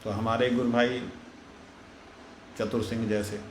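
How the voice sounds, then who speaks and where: A man's voice: medium pitch, little pitch movement, measured pace, echoey room, a little hiss or hum, low-quality recording. A man, a monk, telling devotional stories frankly and directly. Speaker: monk giving a devotional talk. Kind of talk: devotional storytelling talk.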